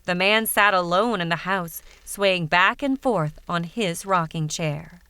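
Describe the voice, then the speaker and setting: A woman narrating a fairytale audiobook in a measured, even way. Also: lowish voice, clear, resonant tone, no room sound. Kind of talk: scripted storybook narration.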